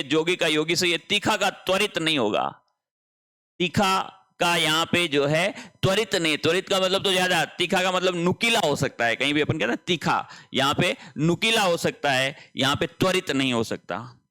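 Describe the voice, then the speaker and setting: A male teacher with a bright, fairly high voice walks through exam questions one by one. He explains each answer patiently and keeps reminding his students to take note. He draws out key words slowly to stress them. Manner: explains step by step, often repeating "dhyan rakhen". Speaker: Hindi teacher. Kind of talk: exam paper solution lesson.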